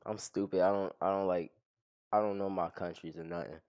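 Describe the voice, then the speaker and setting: Low and fairly even in intonation, slightly mellow, he talks fairly fast; the tone is clean though the audio sounds dull. He's a young adult streamer in a small living room, using a headset mic to banter crudely and bluntly with strangers on a video site.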